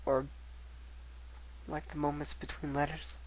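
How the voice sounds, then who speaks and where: Bookish, scatterbrained lady unicorn read by a man, higher male register, earnest storytelling from a letter. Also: completely flat delivery, measured pace, slight background noise, natural voice, rough recording. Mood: confiding, wistful. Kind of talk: dramatic reading of letters.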